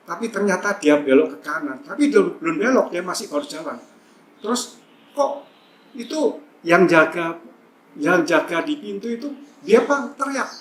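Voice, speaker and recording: A man's voice: high-pitched, a bit bright. A man telling a testimony in a church service, chatty and full of fillers. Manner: chatty, storytelling, frequent fillers. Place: church hall. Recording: echoey church with faint ambience.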